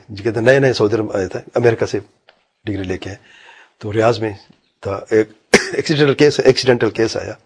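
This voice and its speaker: A man preaching in a storytelling way, retelling anecdotes through quoted dialogue and sometimes dropping into low, quiet asides. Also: husky. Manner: mixes English medical terms into his speech. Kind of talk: sermon storytelling.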